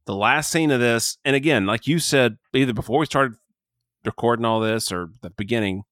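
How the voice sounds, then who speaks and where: A man casually reviews a film he just saw, wandering off topic, interrupting himself, and speaking candidly while he has the hiccups. The voice is mid-range, a bit bright, and a little fast, in studio quality with no room sound.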